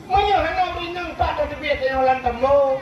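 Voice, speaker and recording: A man with an extremely high-pitched voice preaches a religious sermon at a moderate pace in an Acehnese accent, emphatically calling out to the gathering and reciting Arabic prayers. He is from Aceh, Indonesia. The lo-fi recording is very echoey and far from the mic, with faint noise and a faint crowd in the background.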